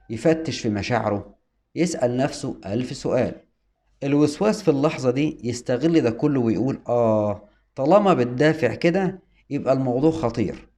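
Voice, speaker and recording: A man with an Egyptian Arabic accent hosts an explainer. He talks calmly in numbered parts and answers his own questions. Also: mid-range voice. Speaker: host explaining OCD. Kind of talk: scripted explainer talk.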